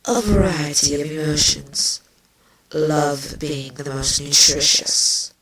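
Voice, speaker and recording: Haughty, slow-talking villain queen, low voice. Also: fairly bright tone, low-quality recording. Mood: disdainful, scornful. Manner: haughty, slow, drawn-out delivery. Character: villainous changeling insect queen, proud, bitter and defensive. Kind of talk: fan fiction voice acting.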